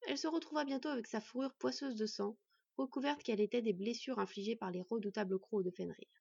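A woman narrating a fantasy story in a measured storytelling way. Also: on the high side, creaky, a little mellow, slightly rough, no echo. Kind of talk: scripted narration. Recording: dry, slightly dull recording.

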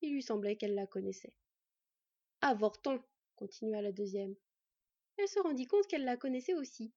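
A woman narrating a story aloud in a calm, even reading voice, in a slightly muffled recording. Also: a little high, quick pace, dry recording.

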